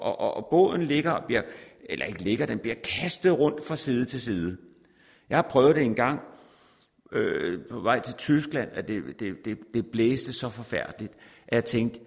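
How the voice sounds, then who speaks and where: A man's voice: medium pitch, creaky. A man preaching a sermon, repeating words for emphasis and reading scripture aloud. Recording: long reverb in a large hall.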